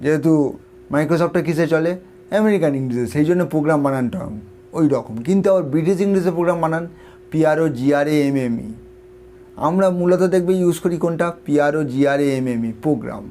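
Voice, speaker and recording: Mellow-voiced man spelling words out. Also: on the high side, quick pace, a little hiss or hum. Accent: Bengali. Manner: spells words out letter by letter, asks and answers his own questions. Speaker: English tutor. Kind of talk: explanatory lesson.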